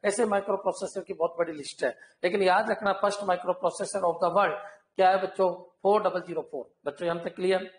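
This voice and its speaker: A man teaching an online computer class, repeating key points and often asking his students whether it is clear. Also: high-pitched, steady tone, fast talker, echoey room, rough recording. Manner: repetitive, keeps checking "clear?" with students.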